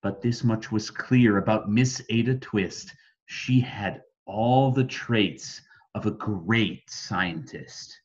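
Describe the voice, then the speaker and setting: An American man reading a rhyming children's bedtime story expressively, with dramatic emphasis and deliberate phrasing. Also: lowish voice, highs cut off. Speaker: storybook reader.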